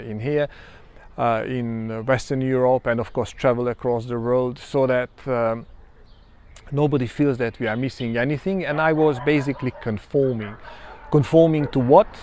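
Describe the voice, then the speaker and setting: Hungarian-accented man, 50s, reflective personal monologue, mid pitch. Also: darkish tone. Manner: measured and reflective, many ums and pauses. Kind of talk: personal self-introduction monologue.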